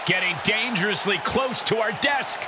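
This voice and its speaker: A man playing an excitable wrestling commentator in a video game, giving animated, exclamatory play-by-play. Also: high-pitched, moderate pace, natural voice. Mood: urgent. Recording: loud arena noise behind the voice.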